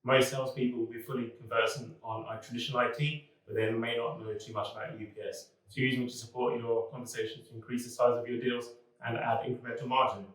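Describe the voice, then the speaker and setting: A man, a business development manager, speaking in a relaxed, conversational way in a corporate talking-head video. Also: mid-range voice, fast. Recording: very echoey room, mic far off.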